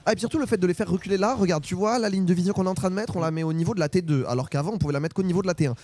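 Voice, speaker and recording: Young male esports caster, high voice, talks fast, excitable live commentary. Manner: fast, excitable, frequent exclamations.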